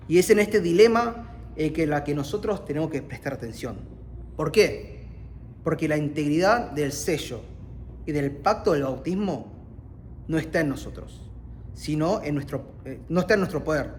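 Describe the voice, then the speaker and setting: A man's voice: a little high, slight background noise. A man from Argentina with an Argentine accent, preaching a sermon in an earnest way that rises on key points.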